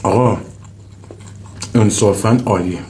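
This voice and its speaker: A man's voice: on the low side, darkish tone. Iranian man mukbang eating in echoey room. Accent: Iranian Persian. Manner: eating while talking, with savoring hums. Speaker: mukbang host. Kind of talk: casual mukbang eating chat to viewers. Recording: roomy echo, faint noise, clinking dishes.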